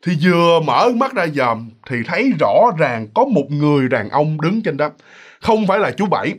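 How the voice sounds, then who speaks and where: Lively, high-pitched male storyteller. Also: moderate pace, slightly rough. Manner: chatty and animated, addresses listeners directly, acts out voices. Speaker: ghost story narrator.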